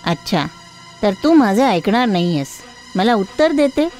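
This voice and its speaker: A woman's voice: medium pitch, big pitch swings, measured pace, a little mellow, soft background music. A woman voicing a harsh, scheming older mother-in-law in a cartoon story, scolding and taunting as she gives orders.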